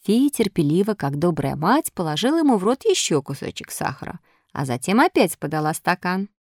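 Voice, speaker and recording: A woman narrating a fairy tale aloud in an expressive storybook reading. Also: on the low side, brisk, no room sound, studio quality.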